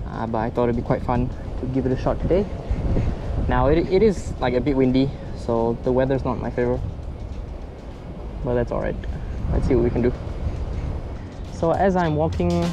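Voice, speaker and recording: Relaxed young man vlogging by a canal. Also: mid-range voice, normal speed, noisy background. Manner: relaxed, chatty, many "uh" fillers. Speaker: fishing vlogger. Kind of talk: casual vlog narration. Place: outdoors by an urban canal. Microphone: action camera on chest.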